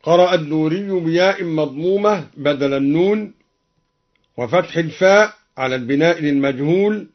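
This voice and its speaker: A man teaching Quran recitation variants on the radio, explaining each reading in a measured voice and chanting the example verses slowly. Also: fairly high pitch. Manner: measured, slows into melodic chanting for quoted verses. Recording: dull lo-fi old radio broadcast recording.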